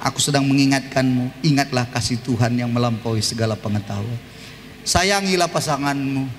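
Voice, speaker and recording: A man preaching a sermon as pastor, passionate, moving between loud exclamations and soft, low murmurs. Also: moderate pace, long reverb tail, a little hiss or hum. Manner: impassioned preaching, swinging from shouts to soft murmurs. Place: church sanctuary.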